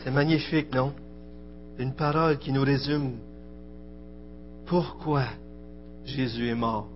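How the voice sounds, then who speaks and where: A man's voice: mid-range voice, steady tone, slow. A man preaching a sermon in an emphatic, rising and falling cadence. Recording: dull lo-fi recording with faint music.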